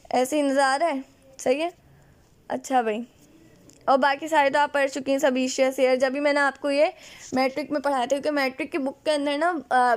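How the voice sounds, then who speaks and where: A woman, teaching a recorded biology lecture. She works through diagrams step by step, asks questions and answers them herself, and fills her pauses with "theek hai" and "achha bhai". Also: sits high, clear, resonant tone.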